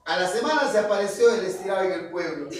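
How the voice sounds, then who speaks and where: High-voiced man telling a story. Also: expressive, fast. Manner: dramatic, joking asides. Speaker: teacher retelling a novel. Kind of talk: casual storytelling summary with jokes. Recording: echoey room, far from mic.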